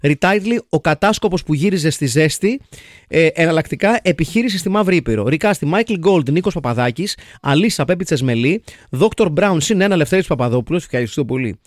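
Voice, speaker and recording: A man with a fairly high voice hosts a casual podcast, reading listener comments aloud with quick, joking asides. His voice sits close and dry, with no room sound behind it. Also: expressive, dry recording. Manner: jokey, quick, mixes English phrases. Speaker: podcast host.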